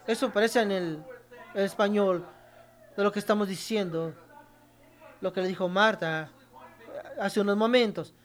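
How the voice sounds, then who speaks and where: A preacher delivers a sermon in a mid-pitched voice, reading scripture aloud and pausing over it. Key phrases come back again and again for stress, and listeners are told directly what to underline and repeat. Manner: addresses the congregation directly.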